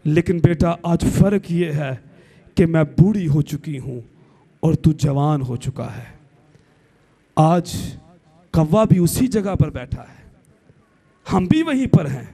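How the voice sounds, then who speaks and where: A man voicing an old mother who speaks to her grown son in a soft, tender, patient way. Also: fairly high pitch, expressive, creaky, long pauses, husky, heavily acted. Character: old mother, gentle and loving.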